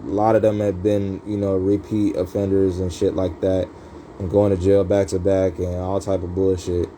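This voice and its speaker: A man with a lowish, warm voice tells his story casually, rambling and swearing often in street slang. A faint hum of ambience sits behind him. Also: little pitch movement, normal speed, poor audio. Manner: rambling, profane, street slang, many fillers. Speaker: vlogger telling his life story.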